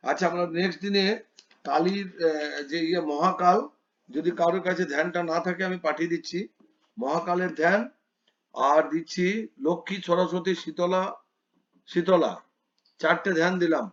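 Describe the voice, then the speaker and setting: Teacher, male, high voice; gentle corrective tone, lo-fi call audio. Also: fairly even intonation, normal speed, pauses often. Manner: gentle, corrective, repeats page numbers. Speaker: priestly studies teacher. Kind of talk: online class instruction.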